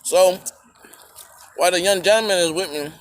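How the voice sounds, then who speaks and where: A man telling a rambling personal story to camera, halting with fillers and restarts, eating while he talks. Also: high-pitched.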